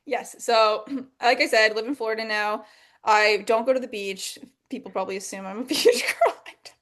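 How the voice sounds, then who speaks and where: A woman's voice: a little high, animated, normal speed, fairly bright tone. A woman from Vermont, a guest on a casual video-call interview, talking in a bubbly way with frequent laughs and fillers. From Vermont, United States. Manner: bubbly, laughs often, many likes and ums. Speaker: guest, customer success coach.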